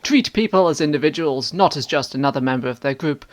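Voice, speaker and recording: A performer reading online comments aloud in a measured, mock-serious way. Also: medium pitch.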